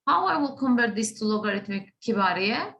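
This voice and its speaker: A woman's voice: fairly high pitch, expressive, brisk, vocal fry, a bit bright, slight background noise, poor audio. A woman teaching a math class, patient, often checking in with the students. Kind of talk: classroom lesson.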